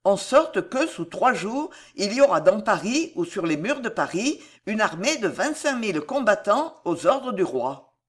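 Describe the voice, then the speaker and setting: A woman's voice: medium pitch, very animated, a little slow, husky. A woman reading an audiobook, voicing a loyal male captain of the guard in an earnest, insistent way. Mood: insistent report. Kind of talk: audiobook character voice.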